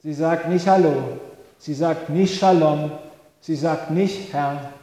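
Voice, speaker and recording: Male pastor, slightly higher voice, mellow tone; slow, thoughtful sermon in a reverberant church. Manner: slow, reflective, with long pauses.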